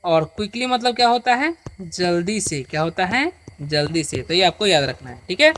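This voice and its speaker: A patient teacher giving a beginner reading lesson. The teacher reads English words slowly, one at a time, for the listener to repeat, and keeps checking that the listener follows. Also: mid-range voice, lively intonation, fairly bright tone, slight background noise.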